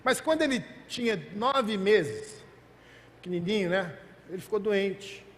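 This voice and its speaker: A man's voice: high voice, lively intonation, measured pace, a bit bright. A male pastor preaching a sermon, telling a personal story earnestly and asking the congregation rhetorical questions. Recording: long hall reverb.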